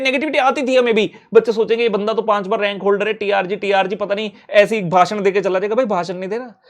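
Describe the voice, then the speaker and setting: Blunt, urgent male exam coach. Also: high-pitched. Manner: blunt and urgent, mixing Hindi with English. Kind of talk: motivational talk to students.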